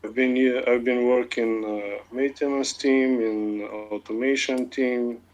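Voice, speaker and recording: Slow-spoken Bulgarian man on a video call. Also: medium pitch, steady tone, a little mellow, low-quality recording. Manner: hesitant, many filler pauses, non-native phrasing. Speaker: meetup participant, automation engineering lead. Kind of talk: casual online meeting chat. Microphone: computer mic on a video call.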